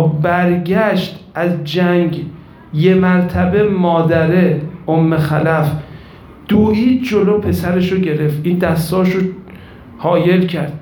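A man's voice: on the high side, warm tone. A man preaching a religious sermon, telling a mourning story with passion and speaking directly to the women in his audience. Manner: impassioned storytelling, addresses women listeners directly. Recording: echoey room with faint ambience.

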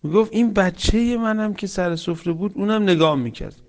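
A man preaching a sermon with stories, swinging between loud emphatic lines and soft hushed ones, reciting Quranic verses. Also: high voice. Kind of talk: religious sermon with storytelling.

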